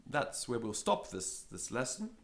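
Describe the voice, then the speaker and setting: With a sing-song, mid-range voice touched by vocal fry, a man teaches Latin at a measured pace in a slow spoken lesson. He voices each Latin word, repeats it, explains it in English, and acts out little scenes loudly.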